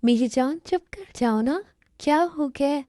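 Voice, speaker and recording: A woman voicing a caring young doctor husband who talks softly and protectively, in an amateur fan-story dub. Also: high voice, lively intonation, a little slow, no echo, studio quality, voice pushed up. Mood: tender. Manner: soft, coaxing and protective.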